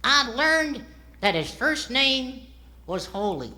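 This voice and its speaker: A man voicing a cheeky, naive farm-boy ventriloquist dummy with a squeaky voice in a comedy routine. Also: big pitch swings, slow, bright, forceful tone, heavily acted. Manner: cheeky, naive comic answers.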